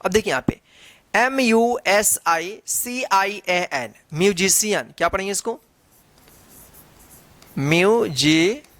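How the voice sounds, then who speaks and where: Woman, teacher, phonics lesson, unhurried pace, dry close sound, spells words out, repeats and quizzes. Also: mid-range voice, a bit bright, dry recording. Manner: slow, repeats each word with rhetorical questions; spells out letters before reading the word. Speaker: English teacher.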